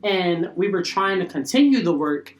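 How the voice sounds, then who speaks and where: A woman's voice: on the low side, lively intonation, moderate pace, roomy sound. A young woman co-hosting a podcast, talking reflectively and casually with lots of "like" and "kinda". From United States. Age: young adult. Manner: reflective, heavy use of "like" and "kinda". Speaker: podcast co-host. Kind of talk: casual chat.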